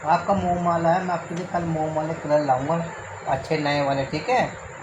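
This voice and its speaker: In a voice on the high side, with a level tone and normal speed, a Garhwali-accented father from the Garhwal hills, India, chats casually for his home family vlog. He rambles and coaxes his child. The recording has its highs cut off and clear background noise.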